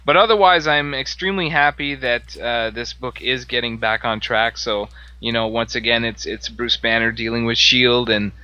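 A man's voice: medium pitch, fairly even intonation, normal speed, few pauses, sharp tone, clean tone, no room sound. Hesitant man on a dull lo-fi line. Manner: hesitant, many fillers and restarts. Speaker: podcast co-host. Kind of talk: casual comic book discussion.

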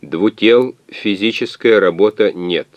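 Monotone halting calculator machine, read by a man. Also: fairly low pitch, no echo, natural voice. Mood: flat, halting. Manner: monotone, clipped word-by-word delivery. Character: translating calculator machine speaking in halting fragments. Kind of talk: audiobook reading.

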